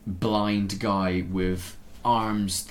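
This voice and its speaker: A man's voice: fairly low pitch, level tone, drawn-out words, a little hiss or hum. A man co-hosting a podcast in natural, unscripted casual chat, rambling and enthusiastic about films and games. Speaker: podcast co-host.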